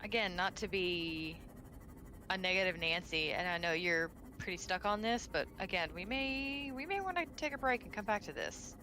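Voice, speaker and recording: A woman's voice: lowish voice, animated, normal speed, sharp tone, slight background noise, rough recording. A woman chatting casually as a co-player during gameplay, tentatively offering suggestions.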